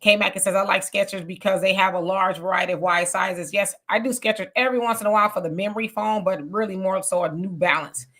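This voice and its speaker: A woman's voice: mid-range voice, steady tone, fast, hardly any pauses, a bit bright. A woman in her fifties chats on a livestream, reading out viewer comments. She talks casually, with easy fillers and asides. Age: 50s. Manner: chatty, reads comments aloud with fillers.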